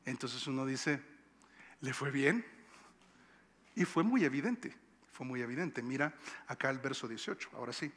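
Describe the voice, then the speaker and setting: A man's voice: medium pitch, animated, a little fast, fairly bright tone. A male pastor with a Colombian Bogotá accent, preaching a conversational sermon and repeating phrases for emphasis. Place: church sanctuary. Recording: long church-hall reverb.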